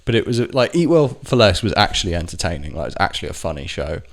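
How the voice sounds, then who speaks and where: A man with a deep, low voice tells a personal story in a loose, rambling way. He swears freely and keeps stopping to correct himself mid-sentence. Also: sing-song, fast talker. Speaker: vlogger. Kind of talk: casual storytelling monologue.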